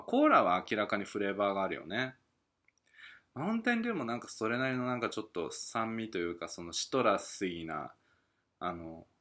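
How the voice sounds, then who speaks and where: A man hosts a relaxed solo podcast from home late at night, thinking out loud in a rambling way. His voice sits a little low but sounds bright and clear. He chuckles now and then as he works through listener mail. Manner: rambling, musing aloud with chuckles. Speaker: podcast host.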